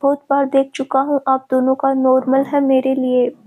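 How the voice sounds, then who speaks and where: A woman's voice: high-pitched, monotone, normal speed, narrow, tinny audio. Cheeky teasing younger brother, read by a woman. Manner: cheeky, joking.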